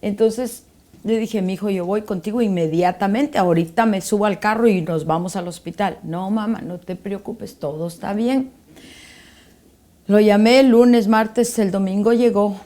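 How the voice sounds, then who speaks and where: A woman's voice: medium pitch, normal speed, dark tone. A middle-aged woman giving a personal faith testimony as a guest, telling a story and acting out the dialogue.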